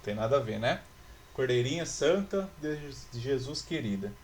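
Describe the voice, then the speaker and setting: A man with a Brazilian Portuguese accent teaches a recorded class in a patient, explanatory way, pausing often to check in with his students. His voice sits at an ordinary pitch, with a faint hiss of noise behind it. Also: expressive. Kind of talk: classroom lesson, reading and explaining a poem.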